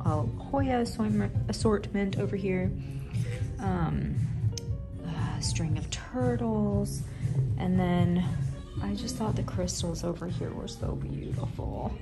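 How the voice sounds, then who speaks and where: Speaking slowly in a medium-pitched, creaky voice, this thirty-something plant vlogger enthusiastically walks viewers through an indoor plant shop. It's casual shop-along narration with music playing underneath.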